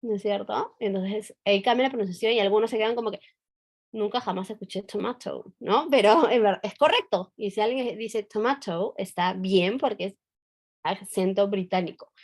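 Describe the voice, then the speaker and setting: A woman's voice: medium pitch, moderate pace. A woman English teacher, giving a conversational online training talk full of fillers and tag questions.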